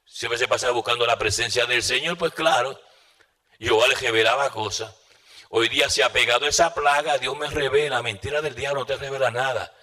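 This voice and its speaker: A man's voice: medium pitch, steady tone, fairly quick, bright, forceful tone, in a large hall. A man preaching a sermon as a pastor, swinging his voice up and down and firing rhetorical questions at the audience.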